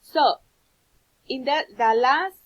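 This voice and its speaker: On a lo-fi recording, a high-pitched Honduran woman leads an English lesson, switching between English and Spanish as she explains. With her Honduran Spanish accent, she goes slowly and patiently, repeating vocabulary for students to echo back.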